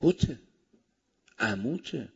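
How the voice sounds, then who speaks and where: Preaching a sermon, a man with a husky, gravelly voice of medium pitch and lively intonation alternates between forceful, loud emphasis and quiet asides. The audio is dull and lo-fi.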